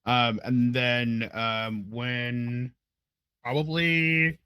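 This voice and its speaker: A man from Los Angeles on a casual online panel, measured and thoughtful. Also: medium pitch, steady tone, bright, forceful tone, clean tone, no room sound. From Los Angeles, United States.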